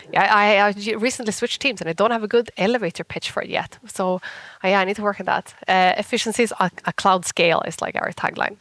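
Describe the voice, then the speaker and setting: A woman with a Swedish accent gives an informal conference talk in a husky whiskey voice roughened by a cold, chatty and self-deprecating. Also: medium pitch, fairly bright tone, dry recording. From Sweden. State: sick with a cold. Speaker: conference speaker, software engineer.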